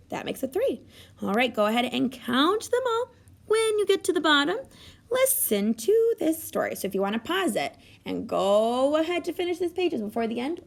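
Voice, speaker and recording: A woman teaching a recorded kindergarten math lesson, in warm, sing-song talk aimed at young children. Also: fairly high pitch, creaky.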